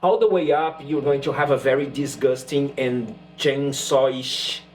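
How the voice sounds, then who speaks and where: A guitarist from Brazil, whose first language is Portuguese and who speaks with a Brazilian accent, explains his guitar rig in a casual gear demo. He's relaxed and chatty with frequent fillers and restarts, his medium-pitched voice at a measured pace on a low-quality recording.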